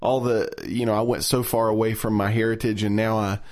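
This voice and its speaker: A man's voice: lowish voice, little pitch movement, brisk, a little mellow. A man in his thirties with a strong Southern accent, co-hosting a podcast in a playful, joking, self-deprecating way. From US South, mountains. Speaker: podcast co-host. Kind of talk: casual chat.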